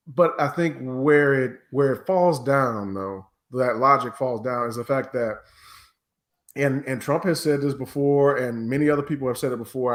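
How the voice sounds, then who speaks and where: A man with an American accent giving opinions as a panelist in a casual political podcast discussion, argumentative and sometimes swearing. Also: mid-range voice.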